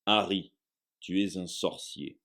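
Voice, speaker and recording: A man reading aloud, voicing a huge, hot-tempered male half-giant groundskeeper with booming outbursts. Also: steady tone, takes it slowly, vocal fry, fairly bright tone, full character voice.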